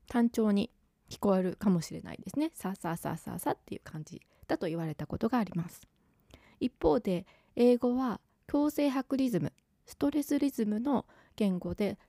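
A woman hosting her own podcast as a language coach, explaining pronunciation step by step in a calm, clear teaching manner on a close microphone. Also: medium pitch, no room sound.

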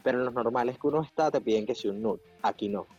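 A man with a Venezuelan accent, chatting casually on a podcast, slangy and animated, laughing often. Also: mid-range voice, fast talker, slightly rough. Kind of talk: casual chat. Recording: dull lo-fi sound with faint music.

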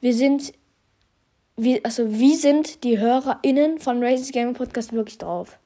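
Stuffed up from a mild cold, a young podcaster gives casual year-in-review commentary, reeling off statistics in youthful slang. His mid-range voice is mellow and moves at a moderate pace.

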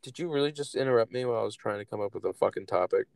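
A young man co-hosting a podcast in casual, profane banter, quick-tempered and sarcastic, snapping at his friend. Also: on the low side, creaky, a little mellow, no room sound. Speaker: podcast co-host.

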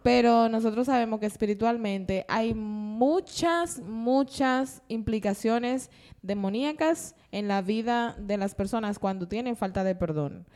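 Animated woman sharing faith stories. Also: fairly high pitch, unhurried. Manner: animated storytelling, laughs often. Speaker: podcast co-host.

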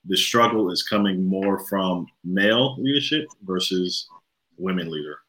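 A man's voice: low-pitched, a little slow, a bit bright, rough recording. A man interviewing a guest on a podcast, asking long, loosely phrased questions.

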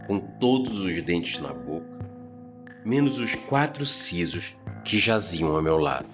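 A man narrating a scripted story podcast as its host, with a measured, theatrical delivery. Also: low-pitched, sing-song, over music. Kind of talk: dramatic first-person scripted narration.

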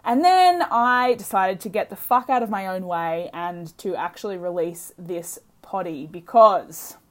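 An Australian woman talks solo to her podcast audience in a medium-pitched voice. Her delivery is casual, excitable and emphatic. She addresses listeners directly and peppers her talk with swearing. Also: measured pace. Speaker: podcast host, health coach.

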